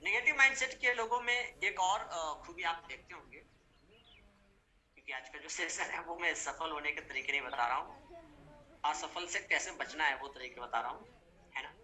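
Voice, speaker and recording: A man leading a motivational business training session, speaking slowly and deliberately, repeating points and acting out little dialogues. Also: a little high, bright, forceful tone. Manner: slow, deliberate, repetitive explaining; acts out quoted dialogues.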